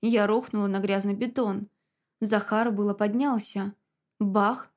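A woman's voice: mid-range voice, steady tone, a little slow, darkish tone. Woman narrating a tense audiobook. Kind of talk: first-person dramatic narration.

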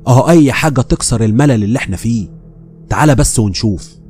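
Man doing uneasy young coworker, Egyptian accent, pushy, fast, husky, spooky story. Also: mid-range voice, lively intonation, a little mellow, soft background music. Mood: insistent. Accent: Egyptian Arabic. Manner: insistent, pressing.

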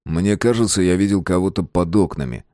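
A low-voiced young husband, wry and easygoing, who jokes his way through everything, as a male audiobook reader plays him. The sound is dry and close, with no room around it. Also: a little fast, warm tone, dry recording, natural voice. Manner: joking, easygoing. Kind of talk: audiobook character voice.

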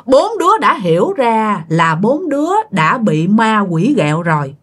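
A woman's voice: mid-range voice, a little slow, slightly rough. A woman with a southern Vietnamese accent narrating a ghost story, often turning to talk straight to her listeners. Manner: animated, addresses listeners directly.

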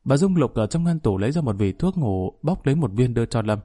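Mellow male narrator. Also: medium pitch, sing-song, fairly quick, dry recording, clean studio sound. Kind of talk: audiobook story reading.

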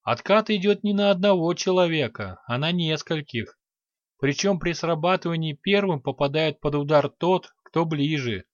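A man voicing a quick, indignant scholarly count in an audiobook. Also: a little high, dry recording, dull audio, close to an everyday voice. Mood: explaining.

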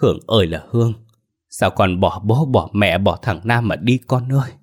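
A grieving older village mother, as a male narrator puts her on in a spoken horror story. She wails her lament in a low, deep voice. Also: normal speed, a little mellow, breathy edge. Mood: wailing. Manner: wailing lament.

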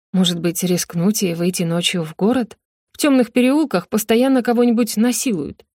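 Brief: female audiobook narrator, measured even delivery, dry close recording, mid pitch. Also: no room sound. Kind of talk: scripted narration.

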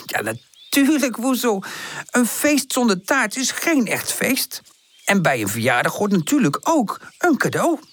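Brief: male narrator as a kind, caring aunt figure, soft and friendly. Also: high voice, big pitch swings, unhurried, voice pushed up, heavily acted. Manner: gentle, soothing, chatty. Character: kindly motherly pear tree aunt, warm and caring.

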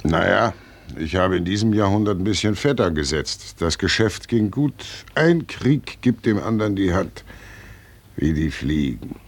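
A man's voice: low voice, animated, exaggerated voice. An actor playing Death as a fat, well-fed male figure, smug and cynical, in a 1940s radio drama. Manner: gloating, slow and grim. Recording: dull old radio recording.

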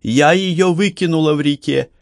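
A woman's voice: low-pitched, normal speed, no echo, voice pushed up. A man voicing a distraught young woman on the run, talking urgently and close to tears in an audiobook. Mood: tearful. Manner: urgent, breathless pleading.

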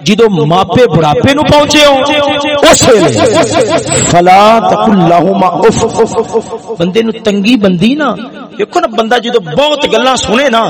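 A man preaching a sermon with emphatic repetition, swelling loud to stress points and acting out family talk. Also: extremely high pitch, expressive. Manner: acts out family dialogue in his talk. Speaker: Islamic preacher. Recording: crowd noise from a gathering. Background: audience murmur.

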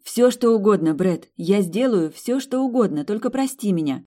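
Narrator voicing a flustered young doctor bride. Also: female voice, on the low side, lively intonation, brisk, warm tone, pitched above the performer's own voice, close to an everyday voice. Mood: pleading. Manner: pleading, eager to please.

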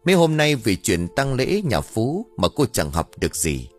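A man narrating an audiobook story in a dramatic, expressive way. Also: medium pitch, moderate pace, faint music behind.

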